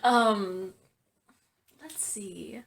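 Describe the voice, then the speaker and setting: A woman's voice: mid-range voice, extremely slow, creaky. A young woman from Texas co-hosting a podcast in casual chat, giggling and swearing freely. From Texas, USA. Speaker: podcast co-host. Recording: faint background noise with clicks.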